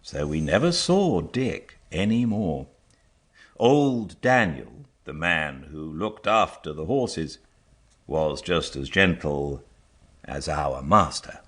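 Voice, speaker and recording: A man reading a storybook aloud as an audiobook narrator, measured and expressive. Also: very deep voice, husky.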